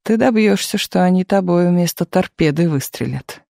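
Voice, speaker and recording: A man reading an audiobook, voicing a calm, wry male war correspondent in a lower, unhurried voice. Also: vocal fry, no echo, studio quality. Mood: laconic. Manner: laconic, unflustered, wry.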